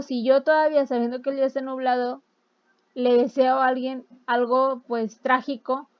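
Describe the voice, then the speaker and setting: A woman teacher explains a lesson in a conversational way, with fillers and restarts. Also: a little high. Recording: slightly dull lo-fi audio.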